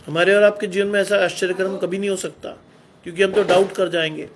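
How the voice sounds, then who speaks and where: A man's voice: high voice, level tone, quick pace, slight background noise. A middle-aged man preaching a Hindi sermon, exhorting his listeners with rhetorical questions.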